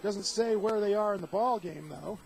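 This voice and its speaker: High-pitched and gravelly, an American commentator runs through football action at normal speed. The radio feed carries plenty of noise from the outdoor stadium around him.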